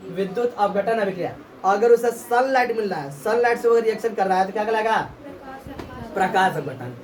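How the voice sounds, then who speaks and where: A woman's voice: mid-range voice, a little mellow. A woman teaching a classroom lesson, asking the class questions and repeating the answers back. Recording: echoey room from far off, faint background noise.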